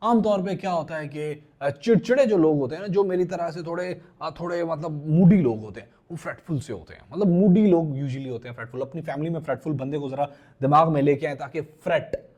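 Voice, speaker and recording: A man from Pakistan giving a vocabulary lecture, explaining English words in Urdu, spelling them out letter by letter and reading example sentences slowly. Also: fairly high pitch, darkish tone.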